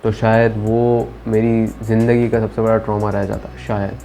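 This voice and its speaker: A man's voice: on the low side, completely flat delivery, normal speed, warm tone, faint music behind. Young man telling a nervous-story vlog. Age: young adult. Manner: conversational, self-described introvert, mixes in English phrases. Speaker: vlogger. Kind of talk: reflective storytelling.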